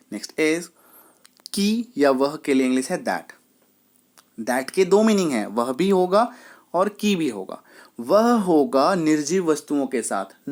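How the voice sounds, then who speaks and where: A male English teacher giving a patient lesson, repeating examples, spelling words out and slowing down on English sentences. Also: fairly high pitch. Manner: patient, repeats each example and checks understanding. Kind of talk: classroom-style lesson explaining words.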